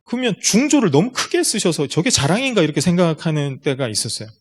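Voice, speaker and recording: A man's voice: fairly high pitch, very animated, fast talker. A man giving a seminar lecture to parents, explaining step by step and putting rhetorical questions straight to the audience. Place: lecture room at a school.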